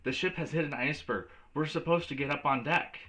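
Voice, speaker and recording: A man's voice: on the high side, fairly quick, bright, forceful tone. A man voicing a frightened, urgent mother calling out in a children's storybook. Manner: urgent, pleading calls.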